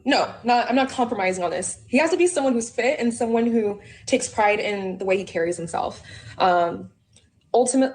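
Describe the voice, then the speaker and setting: A woman in her thirties from the San Francisco Bay Area calls in seeking relationship advice. Her voice is fairly high with a darkish tone, and she sounds hesitant, filling her speech with ums and likes.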